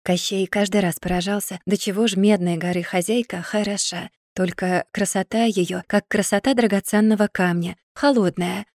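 A woman narrating a fantasy audiobook in an even, measured storytelling manner. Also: medium pitch, no room sound, clean studio sound. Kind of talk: scripted fairy-tale narration.

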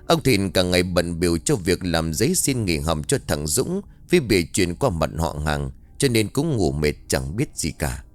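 Male horror narrator: low register, animated, dramatic delivery. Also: normal speed, hardly any pauses, soft background music. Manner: dramatic, suspenseful reading. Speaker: storyteller. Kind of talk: narrated ghost story.

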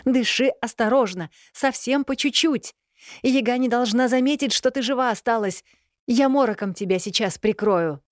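A mysterious unseen woman in a spoken fairy tale, giving quick, urgent orders. Her voice rides well above the narrator's usual pitch, as a woman reader puts her on. The sound is dry and close. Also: no echo, close to an everyday voice. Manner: urgent, commanding. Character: unseen commanding woman guiding in secret.

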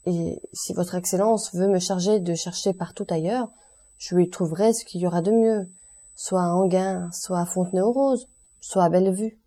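A woman reading the part of a nervous, servile male steward who speaks in a hurried, flustered way, in an audiobook. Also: on the low side, fairly even intonation, mellow, natural voice.

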